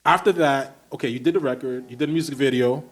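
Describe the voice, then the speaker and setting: A man's voice: mid-range voice, fast talker. Enthusiastic rambling male podcast host. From Brooklyn, New York. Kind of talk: casual interview chat.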